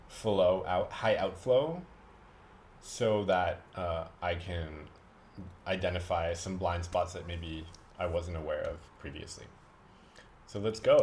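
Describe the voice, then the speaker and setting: A man chatting casually and unscripted for a vlog, rambling and halting, with self-deprecating asides. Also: sits low, a little hiss or hum. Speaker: vlogger.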